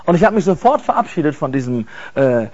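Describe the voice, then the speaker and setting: A man's voice: fairly high pitch, very animated, quick pace, darkish tone. A man telling an earnest personal testimony in an intense, emphatic way, repeating words for stress. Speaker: speaker giving a personal testimony. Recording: dull lo-fi recording.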